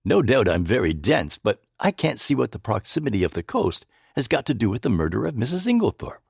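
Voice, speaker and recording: A man reading an excitable young English gentleman from a storybook, eager and quick to indignation. His lines rise with lively swings of pitch over a gravelly, husky tone. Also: no echo, studio quality, heavily acted. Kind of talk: audiobook character voice.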